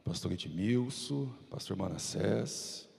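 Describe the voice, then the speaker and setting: A man's voice: sits low, expressive, slow pace, vocal fry, a little mellow. A man with a Brazilian Portuguese accent preaching a fervent, dramatic sermon as a pastor in a church. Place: church sanctuary. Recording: reverberant church hall.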